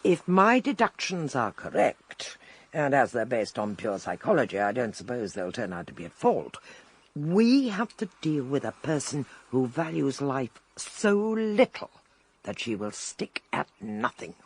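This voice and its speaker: A woman's voice: extremely low pitch, big pitch swings, measured pace, slightly rough, full character voice. An actress playing a shrewd, dry-witted woman amateur detective in a 1920s radio drama, cool, knowing and decisive. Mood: confiding.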